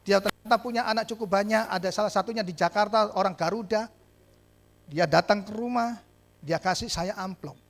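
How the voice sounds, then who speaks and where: A middle-aged male pastor, preaching a sermon as a story, dropping to a hush and then rising to loud exclaims. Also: sits high, creaky.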